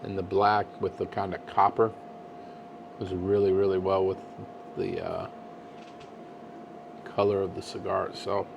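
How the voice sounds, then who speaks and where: A man in a laid-back, halting conversation, giving a casual review as co-host of a cigar show. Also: deep voice, animated, creaky, highs cut off, noisy background.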